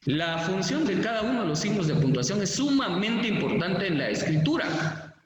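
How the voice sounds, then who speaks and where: A man's voice: high-pitched, big pitch swings, normal speed. A man with a Guatemalan Spanish accent teaching a school lesson, explaining patiently with many examples and fillers. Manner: explanatory, repeats and lists examples, uses fillers like pues. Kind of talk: spoken classroom lesson. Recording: echoey room, far from mic, faint noise.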